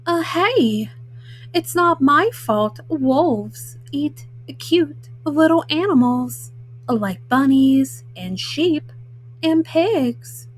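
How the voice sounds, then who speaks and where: Woman reading as slow, high-voiced self-justifying storybook wolf. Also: expressive, full character voice, low-quality recording. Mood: self-justifying, matter-of-fact. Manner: halting, with frequent uhs. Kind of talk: storybook read-aloud in first person.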